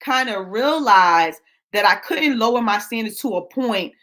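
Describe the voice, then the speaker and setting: A woman in her late thirties hosting a live show, talking casually to her viewers, animated and laughing, calling them y'all. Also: fairly high pitch, a little slow. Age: late 30s. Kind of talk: casual livestream talk to viewers.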